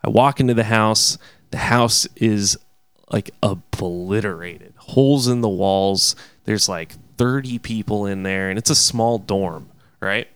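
A young man telling a wild story in a casual, profane, animated way, often laughing between phrases. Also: fairly low pitch, measured pace, clean tone, no room sound.

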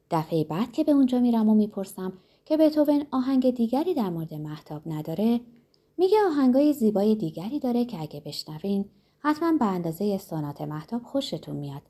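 A woman narrating a novel in a gentle, reflective storytelling manner, giving the characters' dialogue her own voice. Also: on the high side, husky.

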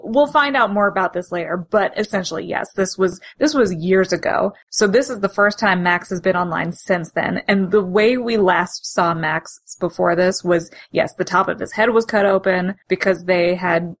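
A woman with a gravelly, creaky edge co-hosts a casual comics chat. She talks at a middle pitch, enthusiastic and chatty, with plenty of fillers along the way. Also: normal speed, hardly any pauses. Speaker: podcast co-host.

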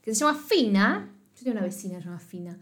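Woman, Rioplatense accent, rapid slangy retelling, quotes characters, podcast co-host. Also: mid-range voice, very animated. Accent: Rioplatense Spanish. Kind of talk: casual chat recapping a TV series.

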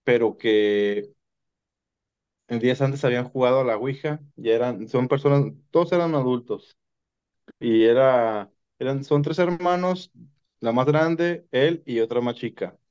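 A man's voice: mid-range voice, a little slow, a little mellow, smooth. Mexican guy rambling thru ghost stories, lots of restarts, muffled lo-fi audio. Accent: Mexican Spanish. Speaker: podcast guest telling paranormal stories. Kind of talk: casual storytelling chat. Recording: dull lo-fi sound.

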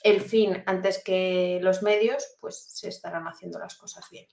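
A woman's voice: on the low side, fairly even intonation, measured pace, creaky, darkish tone. Woman, casual joking chat, laughs easily, echoey room. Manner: laughs often, loose and joking. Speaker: guest philosopher answering questions. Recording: roomy echo with faint noise.

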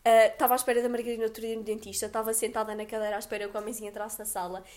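Young portuguese woman podcasting, talks fast, higher voice, laughs a lot. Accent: European Portuguese. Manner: chatty, laughs often, animated storytelling. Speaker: podcast co-host. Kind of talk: casual chat.

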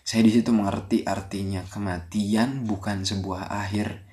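A young man, hosting a podcast and telling a personal story in a soft-spoken, reflective way. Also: fairly low pitch, steady tone, unhurried. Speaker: podcast host.

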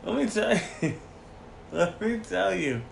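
A man's voice: high voice, expressive, takes it slowly, creaky, reverberant, slight background noise. A man co-hosting a casual podcast chat from home, profane and rambling, laughing often, while nursing a broken foot. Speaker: podcast co-host. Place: home room with a dog nearby.

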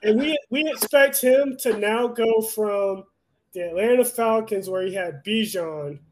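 A young man with a high-pitched voice co-hosts a casual sports podcast. He rants in a heated, profane way, swearing freely as he vents. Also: measured pace. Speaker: podcast co-host.

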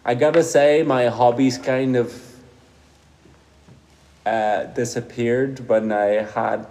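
A Flemish man from Belgium, a Dutch-speaking primary school teacher, answers a pupil's interview questions thoughtfully and hesitantly, using lots of fillers. His voice is medium-pitched and a little mellow, with a steady tone and slow pace.

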